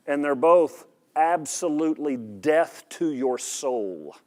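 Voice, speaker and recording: A man's voice: on the high side, animated, takes it slowly, darkish tone. Emphatic man preaching to a congregation. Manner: emphatic, asks the audience questions, repeats words. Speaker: pastor. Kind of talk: sermon.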